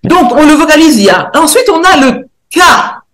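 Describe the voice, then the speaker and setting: A woman researcher giving a lecture presentation, pausing often to search for words and spelling out sounds slowly and carefully. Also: high-pitched, very animated, a bit bright, roomy sound. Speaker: researcher and theologian presenting a decoding.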